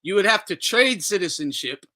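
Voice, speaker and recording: Host, male, bright raised voice, profane laughing rant. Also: sits high, lively intonation, normal speed. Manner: laughs often, swears freely. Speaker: boxing talk show host.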